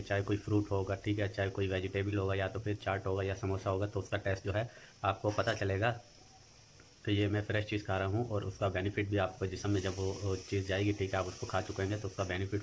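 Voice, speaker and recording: A low-voiced man talks to his viewers in a relaxed home vlog, his delivery almost monotone. He keeps dropping the same fillers and repeats each point in slightly different words. There is steady noise behind him in the home recording. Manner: chatty, keeps saying "guys" and "okay" as fillers; repeats himself, restating words in two ways. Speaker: vlogger. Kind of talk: casual food vlog talk to viewers.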